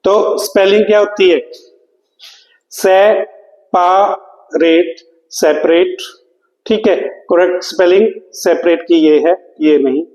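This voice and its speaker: A man's voice: high-pitched, normal speed, darkish tone, echoey room, long reverb tail, poor audio. A man teaching English spelling to exam students, spelling words out letter by letter and asking the class questions he then answers himself. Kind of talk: exam prep lecture.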